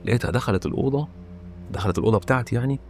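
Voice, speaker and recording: A man's voice: medium pitch, darkish tone, slight background noise. A man in his thirties with an Egyptian accent, retelling his own eerie experiences in a casual first-person way. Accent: Egyptian Arabic. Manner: rapid, conversational retelling. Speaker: horror channel host.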